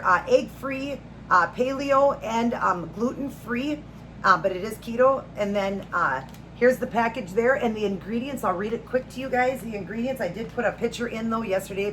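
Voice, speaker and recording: A woman's voice: fairly high pitch, poor audio. A middle-aged woman hosting a vlog, chatting casually to viewers in a rambling, homey, earnest way. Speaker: host of a food and faith vlog. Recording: noticeable background noise, home video.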